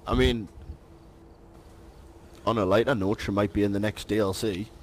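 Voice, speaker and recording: A man's voice: on the low side, fairly even intonation, moderate pace, slight background noise. A man chatting casually and crudely with friends during an online game. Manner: crude, joking banter. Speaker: gaming friend. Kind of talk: casual gaming chat. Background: game music.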